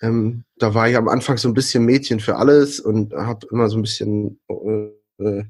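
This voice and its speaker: A man's voice: fairly low pitch, fairly even intonation, moderate pace, darkish tone, husky. Young man guest from Berlin, hesitant, lots of "ähm" and restarts, casual interview tone. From Berlin, Germany. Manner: hesitant, many fillers and restarts. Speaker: interview guest, freelance frontend developer.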